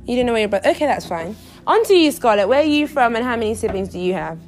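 A woman's voice: on the high side, racing, a little hiss or hum. Chatty teenage girl hosting a podcast. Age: teens. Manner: chatty, energetic, teasing. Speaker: podcast host. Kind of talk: casual chat.

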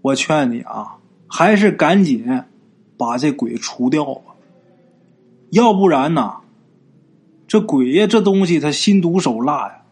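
A male storyteller voicing a blunt old Taoist priest who gives low, repeated warnings. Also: expressive, measured pace, pauses often, darkish tone, husky, full character voice.

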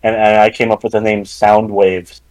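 Deadpan teenage boy guest. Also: lowish voice, normal speed, rough recording. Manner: deadpan, rambling storyteller. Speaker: podcast guest. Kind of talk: casual chat.

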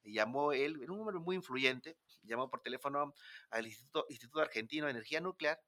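A man's voice: medium pitch, fast talker, sharp tone. A man from Peru with a Peruvian accent, telling a story in a casual, dramatic way and acting out the dialogue. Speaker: guest storyteller.

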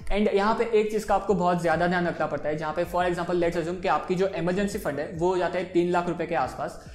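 A man's voice: sits high, steady tone, quick pace, reverberant. A man in his twenties explaining personal finance in a casual, chatty way, switching freely between Hindi and English. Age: 20s. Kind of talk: casual explainer talk to camera.

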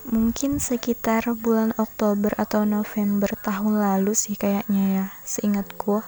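A woman from Sambas in West Kalimantan recalling when she became a fan, unsure and soft-spoken. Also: medium pitch, flat delivery, unhurried.

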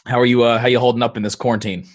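A man's voice: medium pitch, level tone, rapid-fire. A young man hosting a podcast, chatting casually with a friend and laughing easily. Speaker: podcast host.

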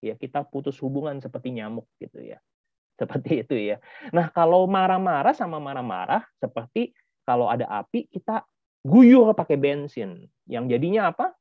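A man's voice: on the high side, normal speed, no echo. A man teaching a children's Sunday school class, his voice swooping up and down as he acts out grumpy friends and fires questions at the kids. The sound is dry and a little dull, like lo-fi video call audio. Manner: lively, acts out angry kids' quotes, asks questions.

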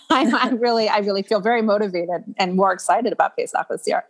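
A woman podcast co-host speaking casually and effusively, quick to laugh. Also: mid-range voice.

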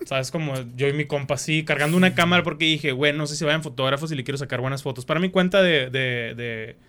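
Slangy Mexican man, bright voice. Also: fairly high pitch, fast talker. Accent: Mexican Spanish. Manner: slangy, rambling storyteller, acts out quotes. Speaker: podcast host. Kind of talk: casual chat.

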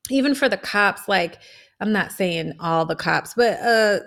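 A woman's voice: medium pitch, expressive, measured pace, gravelly, fairly bright tone. A woman chatting casually as a podcast co-host in a colloquial, conversational way. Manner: colloquial, conversational, often says "you know". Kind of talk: casual chat.

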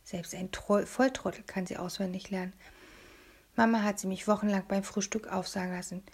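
A woman reading a first-person audiobook in a hushed, confiding manner, often dropping to a half-whisper. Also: mid-range voice, steady tone, fairly quick, husky. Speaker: audiobook reader.

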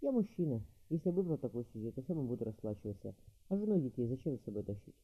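Brief: narrator playing a wry, tired young man, quick delivery, lo-fi phone sound. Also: mid-range voice, sing-song, breathy edge. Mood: resigned. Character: weary young Italian man, a friend on the run. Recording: thin phone-like audio.

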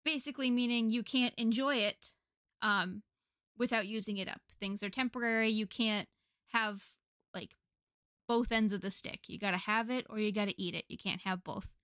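A young woman from the United States chats easily as a podcast co-host. She talks loosely, with plenty of fillers and quick laughs. The sound is close and dry. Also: on the high side, steady tone, a bit bright, no echo. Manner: chatty, laughs often, many fillers. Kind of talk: casual chat.

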